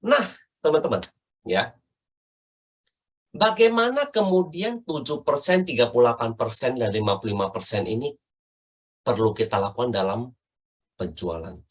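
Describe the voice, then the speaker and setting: Animated husky man coaching salespeople. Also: mid-range voice, normal speed, pauses often. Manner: animated, keeps checking in with listeners. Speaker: sales trainer. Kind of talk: online sales training talk.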